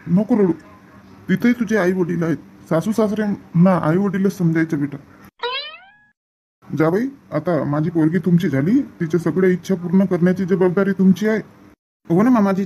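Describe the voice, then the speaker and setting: Brief: a man playing a gentle village father, mellow husky voice, soothing repetitions. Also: high voice, poor audio. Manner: soft, pleading, repeats comforting phrases. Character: rural father and relatives at a daughter's farewell, tender. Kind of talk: village comedy skit acting.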